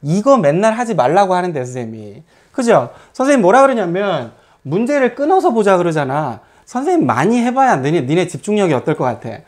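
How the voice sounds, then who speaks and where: A man's voice: high voice, brisk. A man teaching a math academy class, lecturing students in a blunt, scolding way, with casual swearing and many rhetorical questions. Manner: lively, lots of rhetorical questions.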